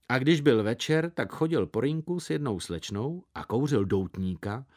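A man reading a story aloud as narrator, in lively, measured storytelling. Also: mid-range voice. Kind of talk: scripted narration.

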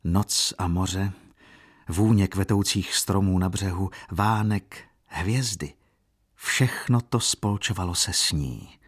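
A man with a very low voice narrates a literary audiobook. He tells the story in a steady, formal way. The delivery is even and unhurried. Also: breathy edge.

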